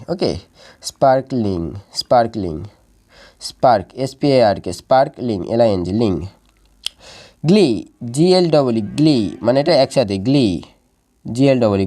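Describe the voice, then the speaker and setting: A man's voice: medium pitch, warm tone. A man teaching English vocabulary, spelling words out letter by letter and repeating their meanings patiently. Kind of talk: spelling and pronunciation lesson.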